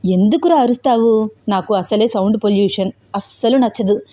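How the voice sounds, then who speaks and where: A woman voicing a calm, fearless young man who taunts his attackers in a cool, mocking way. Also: mid-range voice, moderate pace, lightly acted. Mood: coolly mocking.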